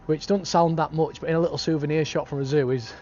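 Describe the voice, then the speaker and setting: British lad doing a casual street vlog, slightly high voice, bit muffled with faint traffic noise. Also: male voice, steady tone, fast talker, dark tone, faint music behind. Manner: laddish, slangy. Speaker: travel vlogger. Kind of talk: casual outdoor vlog chat. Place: outdoors in city streets and park. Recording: dull lo-fi outdoor sound, street noise.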